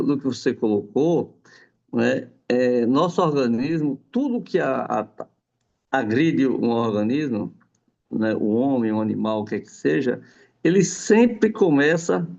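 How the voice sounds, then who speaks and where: A male guest explains homeopathy in a casual, rambling chat, frequently tacking on a questioning "right?" His mid-range voice is darkish with vocal fry, and the recording sounds dull and lo-fi.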